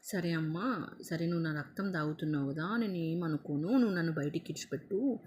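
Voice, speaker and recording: A woman's voice: deep voice, brisk, a little mellow, slight background noise, lightly acted. A woman voicing a loving, forgiving little princess who pleads earnestly in a told bedtime story. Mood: pleading.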